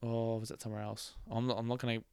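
A man's voice: medium pitch, flat delivery, fast, creaky, warm tone, smooth, dry recording. A young man hosting a casual motorsport podcast, chatty, laughing often and trailing off mid-thought. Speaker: podcast host.

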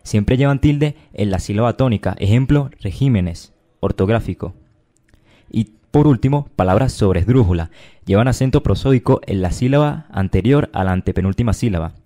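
A young man, slowly reading a grammar lesson dressed up as a news report. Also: on the low side, expressive, dark tone. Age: young adult. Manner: slow, deliberate reading. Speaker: mock reporter.

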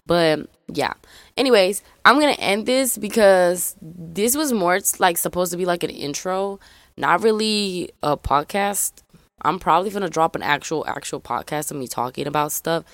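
A young adult woman from Memphis, Tennessee, USA hosts her solo podcast, chatting and rambling casually in a faded Southern accent and calling her listeners y'all. Her voice sits on the low side with lively intonation, a normal pace and a fairly bright tone, captured at studio quality with no room sound.

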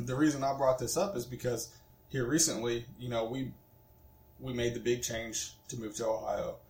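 A man's voice: medium pitch, normal speed, a little mellow. A man in his twenties co-hosting a casual podcast, rambling with lots of fillers. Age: 20s. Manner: rambling, filler-heavy, laughs easily. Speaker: podcast co-host. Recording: echoey room.

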